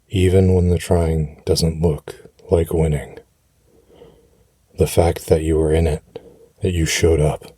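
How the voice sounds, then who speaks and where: A man speaking soothing affirmations for rest in a deep, husky, breathy voice, gently and reassuringly, with unhurried pauses, close to the mic. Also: dry recording. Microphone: close, dry microphone.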